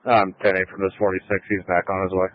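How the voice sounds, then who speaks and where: A man with a very low, flat voice comes through a two-way radio, quick and businesslike as he reports to dispatch. The sound is tinny and narrow like a scanner, dry and distant from the mic, and he keeps to short, clipped radio codes. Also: no echo. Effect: over a two-way radio. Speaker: emergency responder.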